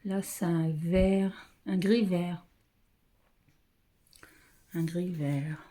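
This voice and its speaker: A woman filming on her phone at home, talking softly and often half-whispering, hesitant and repeating herself as she names colors. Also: on the low side, steady tone, drawn-out words. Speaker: craft vlogger showing thread colors. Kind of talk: casual show-and-tell. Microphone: phone camera.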